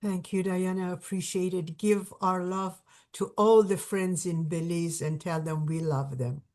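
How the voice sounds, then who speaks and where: A woman hosts an online gathering over a video call, giving a warm, spontaneous welcome and introducing a guest with many fillers and restarts. Her voice is fairly low in pitch, steady, unhurried, and a little mellow.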